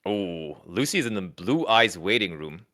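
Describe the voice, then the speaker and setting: With a deep voice that sounds pushed and bright, this animated co-commentator speaks at normal speed. He has a German accent and is casually commentating a livestream, laughing a lot as he reads out and responds to viewer messages.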